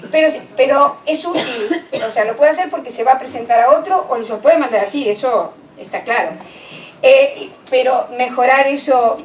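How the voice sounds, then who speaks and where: A woman's voice: sits high, moderate pace. A woman giving a conference lecture on children's writing, explaining with many fillers and restarts. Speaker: lecturer on early literacy. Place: conference hall. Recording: echoey hall, distant mic, faint noise.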